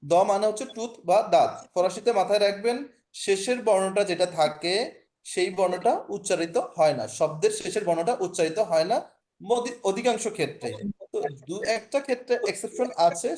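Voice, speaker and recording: His voice sits high and has a darkish tone, and he speaks fast. A man with a Bangladeshi Bengali accent, he teaches an online language class over video call, patiently explaining, repeating his points, and often checking that students keep up.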